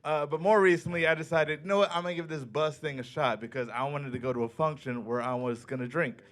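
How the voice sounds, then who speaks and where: A man doing a stand-up set in a comedy club, telling stories in a deadpan way and acting out the people he quotes. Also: fairly high pitch, fast. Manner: deadpan storytelling with acted-out quotes.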